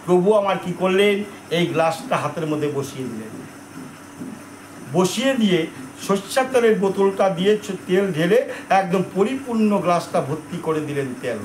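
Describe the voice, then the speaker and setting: A man's voice: high-pitched, lively intonation, normal speed, darkish tone. A man telling a devotional story as a sermon, speaking conversationally and questioning his listeners. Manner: conversational, addresses listeners as mother, asks questions. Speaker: kirtan storyteller preacher. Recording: echoey room with faint noise.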